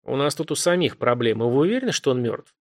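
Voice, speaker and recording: A man voicing a harried police officer working the phones, brisk and firm, trying to reassure callers. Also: medium pitch, sing-song, close to an everyday voice. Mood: pressed. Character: harried male police dispatcher, calm but pressed.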